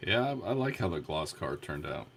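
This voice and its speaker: A man in a casual chat about model building who gives slow, easygoing replies. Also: a bass voice, very animated, vocal fry, a bit bright, a little hiss or hum. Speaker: co-host.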